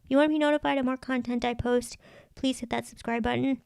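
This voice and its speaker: A woman's voice: on the high side, fairly even intonation, fast talker, gravelly, a little mellow, clear, resonant tone, no echo, clean studio sound. A woman giving a casual, chatty planner tutorial as a craft vlog host, thinking aloud as she goes.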